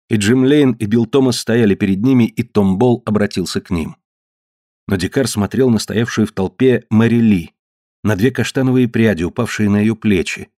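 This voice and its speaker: A man narrating a story in a measured audiobook reading. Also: fairly low pitch, warm tone, no room sound, studio quality. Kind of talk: scripted narration.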